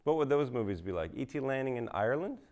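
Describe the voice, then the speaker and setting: A middle-aged man from Canada working a live crowd with dry, self-mocking stand-up. He speaks into a handheld stage mic in a museum hall. When he impersonates others, his voice jumps into a high, squeaky register. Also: big pitch swings, fast talker, noisy background. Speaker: stand-up comedian.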